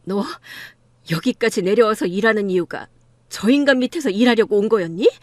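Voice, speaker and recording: A woman's voice: medium pitch, animated, brisk, no echo, lightly acted. A woman voicing a hurt, indignant mother in her fifties in an audiobook drama reading, talking with a pleading, reproachful edge. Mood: upset. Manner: pleading, then fiercely indignant.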